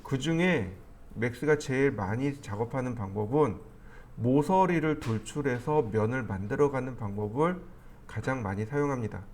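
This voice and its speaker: A man teaching a 3D modeling class, explaining each step as he clicks through the software. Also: medium pitch, expressive, normal speed, a little hiss or hum. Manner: step-by-step explaining, thinking aloud while clicking. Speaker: 3D modeling instructor. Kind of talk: screen-recorded software tutorial.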